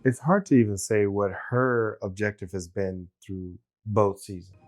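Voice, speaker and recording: A man's voice: on the low side, a little slow, faint music behind. A man co-hosting a show reaction, talking in a casual, musing, questioning way.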